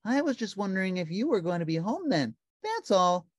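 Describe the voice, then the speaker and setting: A woman's voice: mid-range voice, big pitch swings, brisk, no echo, studio quality, voice pushed up. A woman voicing a big, friendly, childlike male bird in a children's storybook. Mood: friendly, casual.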